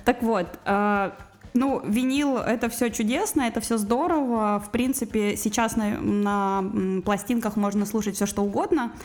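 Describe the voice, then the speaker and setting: A woman appears as a guest on a radio show, talking casually about music. Her voice sits on the high side with a darkish tone, and she speaks at a normal speed, hesitating often with many fillers and restarts.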